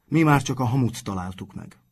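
A man's voice: mid-range voice, expressive, slightly rough, voice pushed up. A man reading aloud and voicing an earnest, bold teenage schoolboy who takes the lead. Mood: explaining. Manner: earnest, eager.

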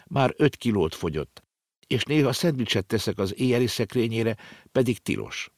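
A man's voice: no room sound, studio quality. A man voicing an earnest, know-it-all little girl in an audiobook reading. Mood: sorrowful. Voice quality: high, lively, explaining.

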